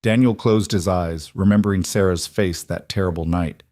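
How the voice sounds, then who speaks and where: A man narrating a drama story in a measured, even manner. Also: low-pitched, dry recording, studio quality.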